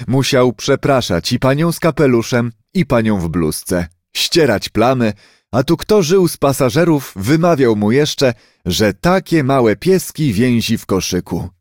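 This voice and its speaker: A man reading a children's storybook aloud, expressive and unhurried. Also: mid-range voice, no echo, clean studio sound. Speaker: narrator.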